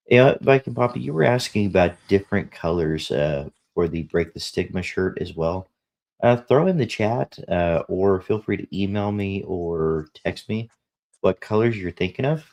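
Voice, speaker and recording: A man's voice: sits low, animated, normal speed, creaky, a little mellow. A man hosting a casual podcast chat, laid-back and rambling with lots of fillers. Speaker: podcast host.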